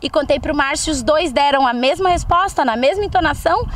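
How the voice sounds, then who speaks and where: A Brazilian Portuguese-speaking woman, an interview guest, tells a personal testimony in a lively conversational way, acting out the quoted dialogue. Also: high-pitched, brisk, a little hiss or hum. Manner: lively storyteller who acts out quoted dialogue.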